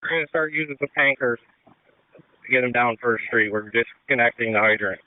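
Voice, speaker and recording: A man speaks over a narrow-band two-way radio as a fireground officer. His voice is clear and mid-pitched, and his delivery is terse and procedural, in firefighter radio style. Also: normal speed, no room sound. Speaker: fireground incident officer directing crews by radio.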